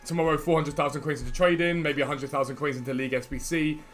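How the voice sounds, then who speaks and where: A man's voice: a little high, steady tone, fast talker, fairly bright tone, faint music behind. A man who cannot pronounce his R's properly, saying them like w, hosting a casual, chatty gaming video and talking straight to viewers. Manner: chatty, informal, addresses viewers directly. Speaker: gaming YouTuber and host.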